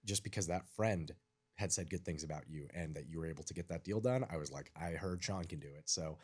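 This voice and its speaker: A man with a very low voice talks fast as a guest on a casual podcast. His speech is chatty and loose, full of likes and uhs. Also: a little mellow, slightly rough. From raised in the United States, born in Iran.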